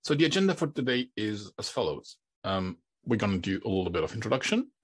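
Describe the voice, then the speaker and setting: Husky-voiced man giving a talk. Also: fairly low pitch, big pitch swings, fast. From Romania. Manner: repeats words and restarts phrases often. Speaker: conference speaker. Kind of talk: conference presentation.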